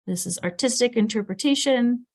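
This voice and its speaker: A painting instructor runs a live class online through a video call, talking through her thoughts as she paints and frequently laughing at herself. She speaks at a moderate pace in a voice that sits on the high side.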